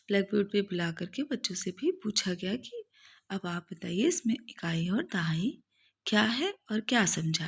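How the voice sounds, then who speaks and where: A woman who teaches primary school, reading out her class diary in a steady, list-like way with short pauses. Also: medium pitch, breathy edge.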